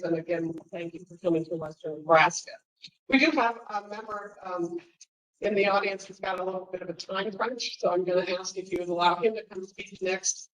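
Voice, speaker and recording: Woman addressing a meeting, slightly distant. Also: fairly low pitch. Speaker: advocate presenting to a commission. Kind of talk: prepared remarks at a public meeting. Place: indoor public meeting room. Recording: distant meeting-room microphone.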